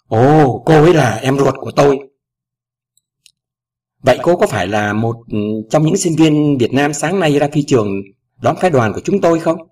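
A cautious, tender older father and ambassador, as a male reader puts him on, speaking in careful, measured phrases. His voice is slightly husky and heard from some way off the microphone. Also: fairly high pitch, lively intonation, darkish tone, pitched above the performer's own voice. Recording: voice distant from the mic.

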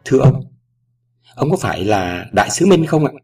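A man's voice: mid-range voice, very animated, normal speed, gravelly, a little mellow, husky, faint music behind, heavily acted. A man voicing a grown daughter who speaks in a choked, pleading, raised voice, recorded at a distance from the mic. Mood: polite, tense.

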